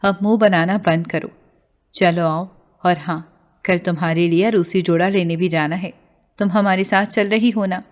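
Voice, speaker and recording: A woman's voice: fairly low pitch, fairly even intonation, natural voice. Woman voicing a coaxing young girlfriend. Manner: coaxing, friendly. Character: soothing young woman friend, cheerful.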